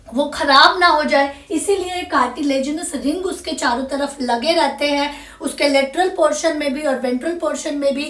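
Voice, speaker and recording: High-voiced woman teaching in echoey room. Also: fairly bright tone, recorded from a distance. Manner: addresses viewers as "my children", checks understanding with "okay?". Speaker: science teacher. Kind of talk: classroom lesson while drawing a diagram.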